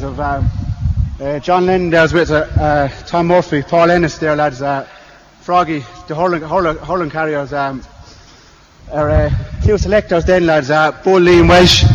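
Young irish guy giving a captain's speech, keeps saying lads, kinda high voice, echoey pa outdoors. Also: lo-fi sound. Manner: halting, says "lads" constantly, fillers. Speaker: winning team captain. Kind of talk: off-the-cuff victory speech. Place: outdoor sports ground. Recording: public address echo, faint background noise.

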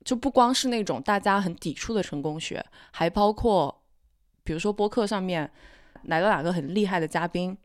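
A woman co-hosting a podcast in casual, reflective chat, sounding calm, cool and rational. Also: lowish voice, normal speed, dry recording, studio quality. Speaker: podcast co-host.

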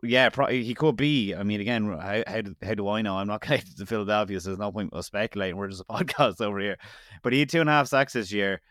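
A man's voice: lowish voice, fast, fairly bright tone, dry recording, clean studio sound. A man with an Irish accent co-hosting a sports podcast, chatting through football analysis with frequent restarts. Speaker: podcast co-host. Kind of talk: casual sports podcast chat.

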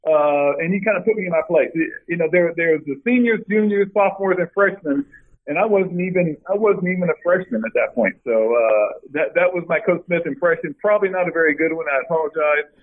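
A middle-aged man talking over a tinny, phone-like line, his voice sitting a little high. He tells stories in a casual interview, often restarting his sentences. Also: a little fast. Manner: storytelling, many restarts, animated when quoting. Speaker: former college basketball player, guest.

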